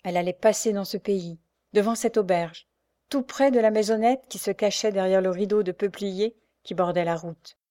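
A woman reading a novel aloud in calm, measured narration. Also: mid-range voice, dry recording, studio quality. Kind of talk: scripted audiobook narration of a novel.

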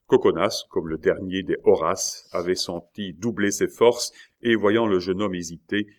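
A man narrating a literary audiobook in a measured, dramatic storytelling manner. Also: sits low.

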